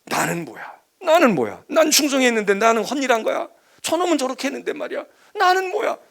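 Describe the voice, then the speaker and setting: A man's voice: high-pitched, fast, a bit bright. A man voicing a resentful elder son, grown and complaining insistently and with a sense of grievance, in a sermon. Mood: aggrieved. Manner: aggrieved, insistent outburst.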